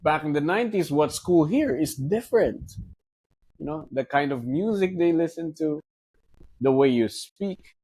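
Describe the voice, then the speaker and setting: A Filipino man in his forties with a Filipino accent talks as a guest in a relaxed conversation. His voice sits fairly high, and he tells stories in an animated way, switching freely between English and Tagalog. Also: a little slow, breathy edge. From Philippines. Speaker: guest, wealth manager. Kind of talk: casual conversation.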